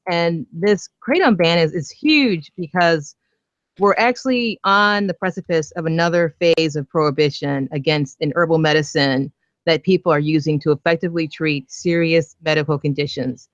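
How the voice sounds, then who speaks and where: A woman's voice: deep voice, moderate pace, no room sound, muffled recording. A woman from Northern Virginia calling in as a guest, explaining a topic earnestly with plenty of fillers. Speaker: guest caller, activist. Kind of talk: phone-in interview.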